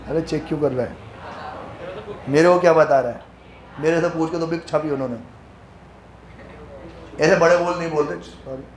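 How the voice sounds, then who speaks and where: A man teaching an accounts class, joking with his students and reading the questions out slowly. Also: high-pitched, a bit bright. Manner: teasing, banters with students, reads questions slowly. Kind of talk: classroom lecture. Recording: echoey classroom.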